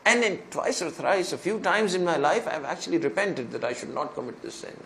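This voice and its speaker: A man's voice: a little high, lively intonation, fairly quick, gravelly, fairly bright tone, a little hiss or hum. Preacher man recounting a repentance story. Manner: retells a convert's story in first person, rising to emphatic pleas. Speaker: Islamic preacher. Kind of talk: sermon storytelling.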